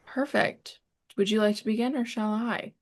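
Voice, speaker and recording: A woman's voice: medium pitch, fairly even intonation, normal speed, dry recording. A woman co-hosting a podcast in casual chat, mostly giving short replies and dry quips. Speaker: podcast co-host.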